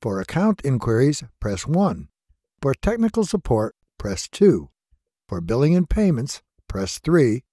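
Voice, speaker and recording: A man voicing scripted, polite phone system prompts in a measured, even way. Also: medium pitch, no echo, studio quality. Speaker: phone menu voice-over artist.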